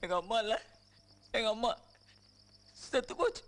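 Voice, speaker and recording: An actor playing a drunk, grieving young gangster who rambles tearfully. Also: male voice, very high voice, very animated, a little slow, a bit bright, slight background noise, heavily acted. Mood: drunk weepy. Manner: slurred, tearful rambling, laughing and crying by turns.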